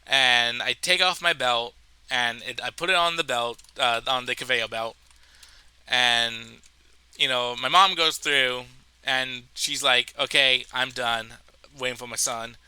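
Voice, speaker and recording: A man with a stuffed-up nose telling a comedic personal story in a rambling, animated way, full of fillers and restarts. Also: mid-range voice, slow pace, clean tone, poor audio.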